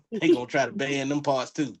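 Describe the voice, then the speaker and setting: A man's voice: mid-range voice, steady tone, a little slow. Joking Southern man on a podcast. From Florida. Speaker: comedian guest. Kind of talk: casual podcast chat.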